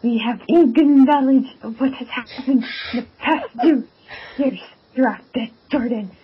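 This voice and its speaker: A man's voice: extremely high pitch, unhurried. A man hamming up a pony in a fake Swedish accent. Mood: bluffing. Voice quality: broken grammar in a put-on accent. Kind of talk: amateur fan reading. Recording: muffled lo-fi with faint hiss.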